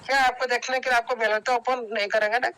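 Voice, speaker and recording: A man speaking in an online meeting, urging his listeners to take decisions, talking in repetitive, halting bursts with restarts. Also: extremely high pitch, little pitch movement, bright, forceful tone, clean tone, dry recording, low-quality recording. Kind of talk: motivational speech to a group. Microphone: video call.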